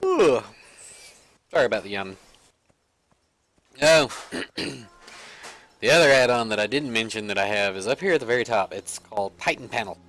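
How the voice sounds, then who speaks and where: A man's voice: lowish voice, racing, hardly any pauses, a bit bright. A man giving rambling, self-mocking, casual commentary while he plays a video game. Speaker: let's play gamer.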